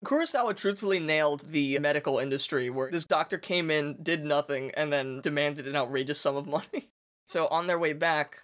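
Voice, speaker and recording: A man co-hosting a casual film discussion, animated as he recounts scenes. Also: medium pitch. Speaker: podcast co-host.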